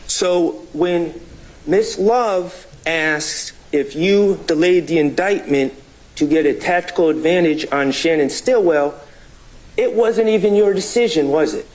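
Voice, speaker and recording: A man working as a defense attorney, questioning and arguing in a courtroom with halting, deliberate phrasing. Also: a little high, darkish tone. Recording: noisy courtroom audio.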